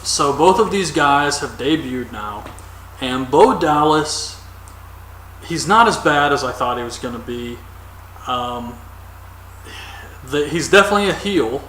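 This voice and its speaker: A man's voice: medium pitch, a bit bright, roomy sound, recorded from a distance, slight background noise, rough recording. A man giving casual, opinionated solo commentary as a wrestling reviewer, rambling with frequent ums.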